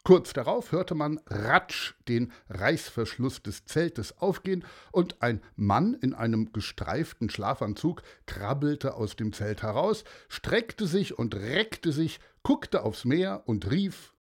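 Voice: mid-range voice, slow pace, hardly any pauses, slightly rough. A storyteller reading a bedtime story to children, speaking to the listeners directly. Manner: warm, lively, addresses listeners directly.

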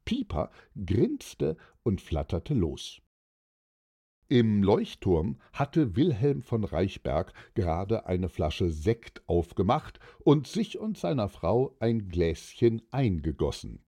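A man narrates a children's audio story with dramatic, lively delivery that swings widely in pitch. His voice is warm and a bit husky, and he takes his time. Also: slow pace.

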